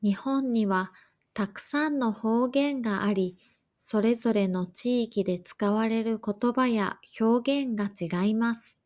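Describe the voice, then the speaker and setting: A woman reading a scripted lesson for learners in a slow, careful, even way. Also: fairly high pitch. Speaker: language teacher.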